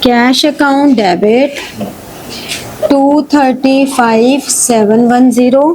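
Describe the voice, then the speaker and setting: High-voiced woman teacher, slow deliberate delivery. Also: a little mellow, slight background noise, rough recording. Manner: reads question text slowly, then explains in quick Hindi-English mix; checks understanding with frequent "ठीक है" and questions. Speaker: accountancy teacher. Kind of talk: live online class, solving problems step by step.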